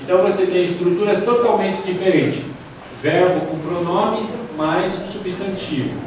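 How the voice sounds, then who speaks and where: A man's voice: high-pitched, moderate pace. A man giving a poetry lecture from slides, explaining step by step and asking the audience questions. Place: large echoey hall. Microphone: distant from the mic. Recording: echoey hall, distant mic, faint room noise.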